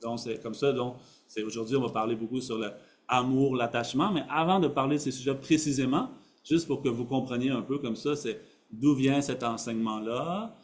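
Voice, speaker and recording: A man's voice: mid-range voice, moderate pace. A man giving a Buddhist teaching to an audience. He uses simple phrasing, builds each point from everyday examples, and often checks in with "ok?". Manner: builds his points from everyday examples, repeating key words. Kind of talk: dharma talk to an audience.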